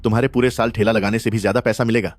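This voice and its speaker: A man's voice: lowish voice, steady tone, rapid-fire, soft background music, close to an everyday voice. An actor dubbing a pushy, sneering man who harasses a street vendor. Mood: leering. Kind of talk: dubbed drama acting.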